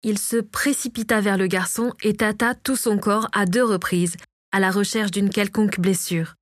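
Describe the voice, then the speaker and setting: A woman narrating a storybook chapter in a steady scripted reading. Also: medium pitch, normal speed, dry recording, clean studio sound. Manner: reads all characters herself, lightly varying her voice. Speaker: audiobook narrator.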